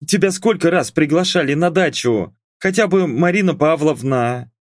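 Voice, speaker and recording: A man voicing an excitable, nagging middle-aged mother who scolds and argues in a raised, indignant voice. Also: on the high side, moderate pace, no echo, studio quality, pitched above the performer's own voice, close to an everyday voice. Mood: scolding.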